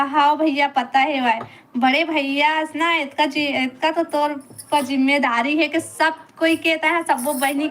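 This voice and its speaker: A woman with a Chhattisgarhi accent hosts a casual live stream in a high voice. She talks slowly and chattily, greeting each viewer by name and begging them not to leave. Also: a bit bright. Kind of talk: casual live-stream chat reading comments.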